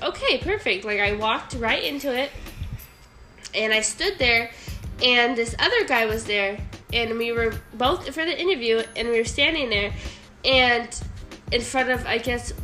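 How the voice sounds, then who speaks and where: Giggly high-voiced young woman. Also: moderate pace, sharp tone, soft background music, poor audio. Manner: giggly, storytelling, breaks into playful singing. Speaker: podcast co-host. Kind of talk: casual chat.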